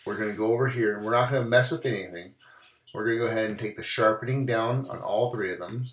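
A man recovering from bronchitis talks over a screen-recorded tutorial, casually showing how to edit a photo and saying "we're gonna" a lot. His voice sits fairly low and moves at a quick pace. The sound is roomy.

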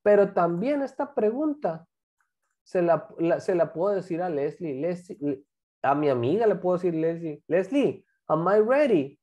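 A woman, an English teacher giving a class to children, repeating example phrases slowly and quizzing her students. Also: fairly low pitch, lively intonation, dark tone, highs cut off. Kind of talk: online class teaching English grammar to kids.

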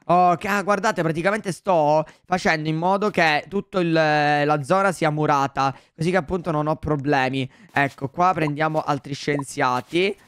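Excitable high-voiced young man gaming. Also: moderate pace, hardly any pauses, clean tone, no echo, clean studio sound. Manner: excitable, exclaiming, talks to viewers. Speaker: gaming YouTuber. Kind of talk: Let's Play commentary.

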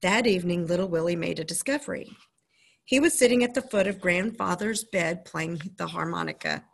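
A woman's voice: on the low side, big pitch swings, a little fast, vocal fry. A woman reading a children's chapter book aloud to her listeners, with casual, friendly asides between passages. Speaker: storyteller reading a children's novel.

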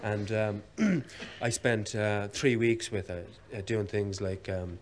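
Low-voiced Irish man, hesitant storyteller. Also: slow pace, slight background noise. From Ireland. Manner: hesitant, many ums and uhs, wry storytelling. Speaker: actor interviewed as guest. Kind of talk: anecdotal interview chat. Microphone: television studio microphone.

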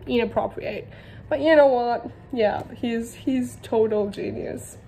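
A woman's voice: fairly high pitch, a little slow, mellow, slight background noise. A young woman from Georgia, a native Georgian speaker, chatting casually in English about her books, giggly and self-deprecating. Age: young adult. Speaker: book vlogger. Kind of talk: casual chat.

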